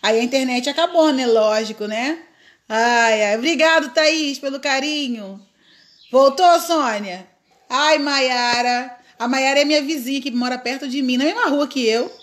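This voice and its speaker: A high-voiced woman from Brazil chats through a live craft tutorial at her table. She talks slowly and unhurriedly, laughing often and greeting her viewers by name. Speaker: craft live-stream host.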